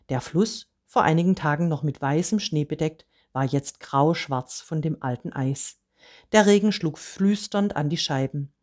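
A woman with a notably deep voice reads a first-person storybook. Her delivery is calm and measured, and she tells the story steadily. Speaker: narrator. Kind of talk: storybook reading.

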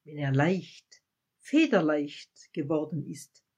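A woman voicing a gentle, wise old man in a spoken fable, speaking calmly and with measured patience. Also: deep voice, slightly rough, highs cut off, full character voice.

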